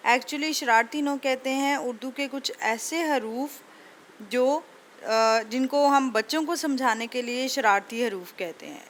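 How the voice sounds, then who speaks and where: A woman's voice: high-pitched, a little slow, slight background noise. A woman teacher explaining a lesson patiently, repeating each point and sounding out letters one by one.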